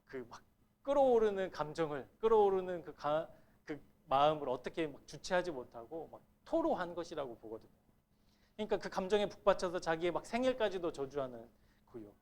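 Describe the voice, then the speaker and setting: A middle-aged male pastor giving a Sunday sermon, asking the congregation questions and acting out quoted speech. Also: fairly high pitch. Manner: asks the congregation questions and acts out quoted lines. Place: church sanctuary.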